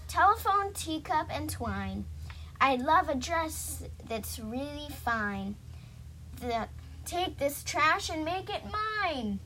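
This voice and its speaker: A woman's voice: high-pitched, very animated, takes it slowly, pushed and bright, distant mic, slight background noise, voice pushed up, exaggerated voice. A woman reading a storybook aloud, voicing a dramatic little girl who commands and chants rhymes. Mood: commanding. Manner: commanding, theatrical.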